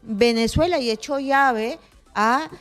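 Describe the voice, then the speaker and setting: Higher-voiced woman moderating a debate. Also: slow pace, soft background music. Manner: challenging, interjecting. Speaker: debate host. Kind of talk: moderating a live political debate.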